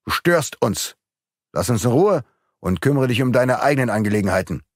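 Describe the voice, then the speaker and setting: A cold, mocking villain from an audiobook, put on by a male reader, spitting out clipped, pressing syllables. The voice climbs and falls with lively swings. The sound is dry and close. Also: medium pitch, moderate pace, dry recording, pitched above the performer's own voice. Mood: menacing. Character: menacing, mocking male court clerk villain with a revolver.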